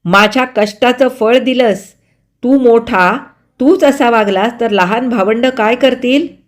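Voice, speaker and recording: A woman's voice: on the high side, unhurried, voice pushed up, close to an everyday voice. A woman voicing a poor, hardworking mother who is stern but loving and emotional. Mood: angry. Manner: scolding, emotional.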